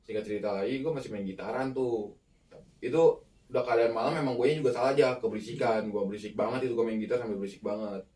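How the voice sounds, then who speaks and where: A man telling a ghost story in a casual, animated way, acting out the people in it. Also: fast talker. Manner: animated, acts out the quoted people with sharp jumps in pitch. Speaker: guest storyteller. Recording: roomy, mic far off.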